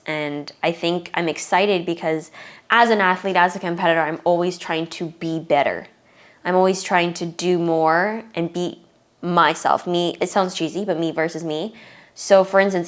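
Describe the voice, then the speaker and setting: Earnest young woman vlogging, slightly low voice. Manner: earnest and emotional, many fillers. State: tearful at times. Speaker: fitness competitor and vlogger. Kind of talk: casual vlog Q and A.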